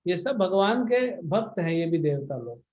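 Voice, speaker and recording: Man, spiritual teacher, blunt and scolding, high pitch, muffled online call sound. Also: big pitch swings, moderate pace. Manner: blunt, scolding, mixes in English words. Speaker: spiritual teacher answering questions. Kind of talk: devotional Q&A discourse. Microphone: video call.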